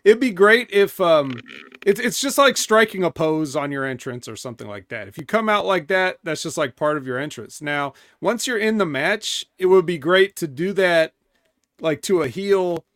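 A man's voice: fairly high pitch, animated, moderate pace, a bit bright, no room sound, clean studio sound. A man co-hosting a wrestling podcast, easygoing, explaining wrestling psychology. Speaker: podcast co-host, wrestling veteran. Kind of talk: casual wrestling review chat.

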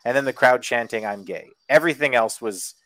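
Here the same kind of co-host speaks at a mid-range pitch, brisk and a bit bright, in a dry recording of an online podcast call. His wrestling recap is casual, sarcastic and laced with swearing, with frequent ums and false starts.

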